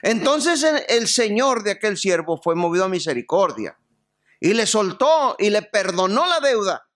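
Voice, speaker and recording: A man's voice: sits high, moderate pace. A male pastor from Mexico, preaching a sermon, telling humorous stories and then reading scripture aloud. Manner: storytelling with lively jokes and scripture reading.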